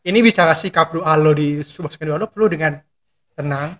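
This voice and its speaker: Young man, pastor, high voice, slangy and animated, plays out little prayer scenes. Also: brisk. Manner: slangy Jakarta-style talk, acts out prayers in quoted voices. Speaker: pastor and guest. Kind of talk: casual faith chat.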